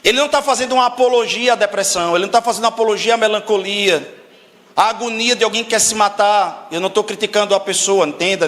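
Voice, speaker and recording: A man's voice: high-pitched, a bit bright, in a large hall. A man preaching a sermon as pastor, emphatic and constantly asking the congregation questions.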